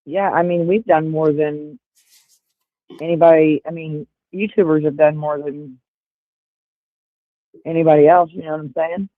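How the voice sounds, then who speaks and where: Unhurried and prone to long pauses, a woman in her forties chats casually as a livestream guest, rambling and filling gaps with fillers. Her low voice keeps fairly even intonation, with no room sound, heard through earbuds on a tinny, phone-like call.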